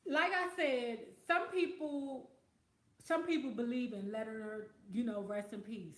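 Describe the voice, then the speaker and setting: In an echoey room, a woman hosts a casual livestream and reads out viewer comments, her fairly high voice going hoarse as she talks a little slowly. She's blunt and swears plenty.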